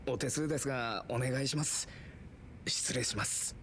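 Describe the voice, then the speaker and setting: Casting: male actor as polite, dutiful game nightclub underling, formal and quick, mid-pitched. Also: fairly bright tone, slight background noise, lightly acted. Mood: dutiful, apologetic. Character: deferential male cabaret floor staffer. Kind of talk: video game voice acting.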